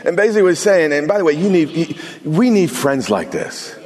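A man's voice: on the high side, very animated, fairly quick, a little mellow, long reverb tail. A male pastor preaching an emphatic sermon, talking straight to his congregation with humorous asides.

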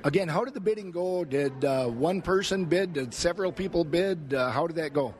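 A man's voice: fairly high pitch, brisk. An American man working as a radio host, conducting an interview. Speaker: radio host and fair reporter.

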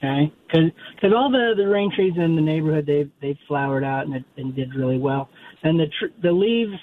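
A man's fairly high voice comes through a tinny, narrow phone line. A faint hiss sits behind it. He talks casually over the phone, pausing and correcting himself as he looks for words. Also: expressive. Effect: heard over the phone. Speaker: radio call-in caller.

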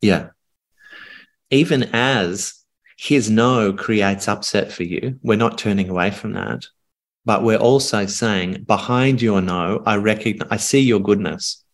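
In a podcast coaching conversation, a middle-aged communication coach with a fairly low voice speaks calmly and earnestly. He talks in reflective phrases, pausing between them.

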